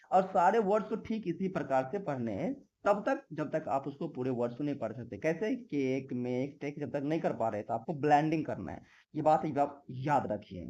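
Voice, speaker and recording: Mellow-voiced male teacher drilling words. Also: a little high, lo-fi sound. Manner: asks and answers his own questions, drills word lists slowly. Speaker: English teacher. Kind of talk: classroom-style video lesson.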